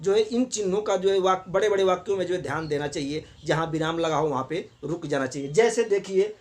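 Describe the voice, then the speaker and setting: A man's voice: sits high, a little fast. A man teaching a college class, explaining points step by step and repeating filler phrases often. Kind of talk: classroom lecture on Hindi pronunciation.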